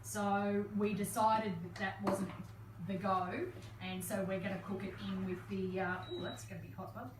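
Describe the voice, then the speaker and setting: A woman's voice: mid-range voice, little pitch movement, normal speed, reverberant, distant mic, noisy background. A woman co-hosting a live cooking stream in a home kitchen, chatty and bubbly, laughing often. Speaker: cooking show co-host.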